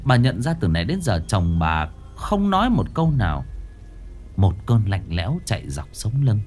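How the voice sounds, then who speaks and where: A man's voice: lowish voice, very animated, normal speed, darkish tone. A man narrating a ghost story in a dramatic storytelling manner. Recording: faint background music.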